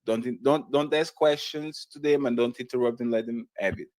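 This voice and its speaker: A man moderating a panel discussion, talking in animated, loud bursts. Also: mid-range voice, normal speed, no room sound.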